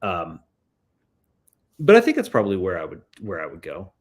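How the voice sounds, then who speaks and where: A man in a casual chat, musing and rambling with lively enthusiasm. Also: low-pitched, moderate pace, slightly rough. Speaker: guest.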